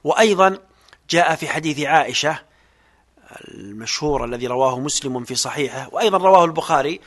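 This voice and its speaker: A man's voice: on the high side, expressive, quick pace. A man teaching a Quran exegesis lesson as a sheikh, speaking formal Standard Arabic in a didactic way.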